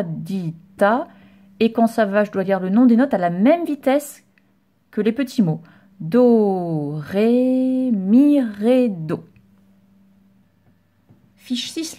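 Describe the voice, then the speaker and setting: A woman's voice: mid-range voice, mellow. A woman music teacher giving a patient solfège lesson, explaining step by step and chanting note names and rhythm syllables.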